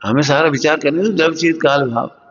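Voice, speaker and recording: A man giving a morning religious sermon to students, teaching with lively, acted-out scoldings and frequent chuckles. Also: moderate pace. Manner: lively, acts out scoldings with sudden high jumps; chuckles often while teaching. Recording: echoey hall, dull lo-fi sound.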